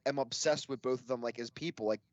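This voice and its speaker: A man chatting about sports in a loose, rambling way, filling his sentences with "like." His voice is ordinary in pitch. The recording is dull and lo-fi but close and dry. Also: quick pace, no room sound. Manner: rambling, heavy use of "like". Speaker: podcast co-host. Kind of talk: casual sports banter. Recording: dull lo-fi mic.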